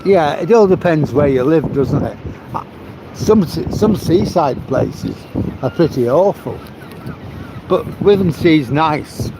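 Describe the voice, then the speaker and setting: A man's voice: a little high, lively intonation, takes it slowly. A retired older man from Manchester with a Northern English accent, chatting casually and rambling as he repeats himself. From Manchester, England. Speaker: retired local resident. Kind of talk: casual chat. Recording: loud wind and outdoor noise.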